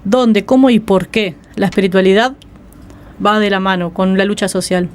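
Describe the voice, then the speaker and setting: A woman interviewer on the radio asking measured, thoughtful questions. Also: medium pitch, fairly even intonation, a little mellow, slight background noise. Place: radio studio.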